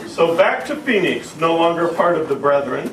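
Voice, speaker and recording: At a family gathering, a middle-aged man introduces and reads a humorous tribute poem, speaking informally with a joking, irreverent manner. His voice is on the high side and a bit bright, with big pitch swings at a moderate pace. The recording is roomy and distant, with a noisy crowd behind him.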